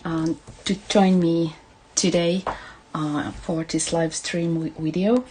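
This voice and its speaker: Slow, low-voiced Finnish woman, hesitant. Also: fairly even intonation, husky, rough recording. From Finland. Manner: gentle, hesitant, halting delivery with affectionate address to viewers. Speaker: craft livestream host. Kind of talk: casual live craft tutorial.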